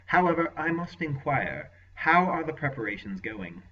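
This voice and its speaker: A man voices a ruthless, scheming warlord lord for an audiobook, venomous and imperious, speaking with commanding contempt. He pitches the character above his own voice, on the high side and sing-song at a moderate pace. The lo-fi recording sounds dull, with a little hiss or hum.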